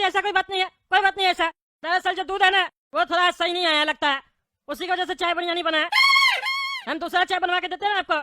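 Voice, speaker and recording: Shrill woman yelling in a comedy skit, rapid fire. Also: a little hiss or hum. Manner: loud scolding and shouting. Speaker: comedy sketch actor. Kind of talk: comic sketch acting.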